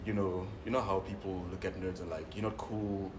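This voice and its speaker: A young man in his twenties with a South African accent talks about himself in a relaxed way, full of "you know" and "um". His low voice sounds set back from the mic. A steady noisy hum sits under the recording. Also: moderate pace. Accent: South African English. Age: 20s. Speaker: interview guest. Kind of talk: casual interview. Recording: distant mic, noisy room.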